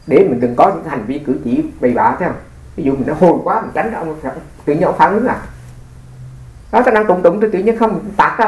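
A Buddhist monk teaches at a rapid clip in a fairly high voice. He talks in an explanatory way and keeps checking with rhetorical asides. The room around him is echoey. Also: darkish tone. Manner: explanatory, rhetorical asides, sprinkles English words. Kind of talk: dharma talk with questions.

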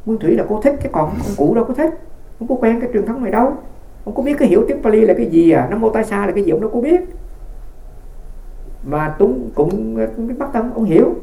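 A man's voice: sits high, lively intonation, fast, creaky, dark tone, roomy sound. A man who is a Buddhist monk gives a conversational dharma talk. He tells stories in a rambling way and often restarts his phrases. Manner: rambling storytelling with frequent restarts.

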